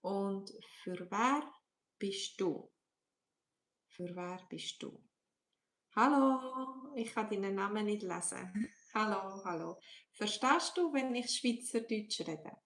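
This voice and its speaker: A middle-aged woman with a Swiss German accent, teaching on a live stream, slowly repeating questions to her viewers and switching into English. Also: mid-range voice, a bit bright. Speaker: language teacher.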